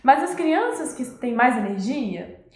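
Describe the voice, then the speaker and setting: A woman's voice: sits high, big pitch swings, a little slow, roomy sound. A woman educator giving a live talk on parenting, explaining patiently and acting out scolding parents.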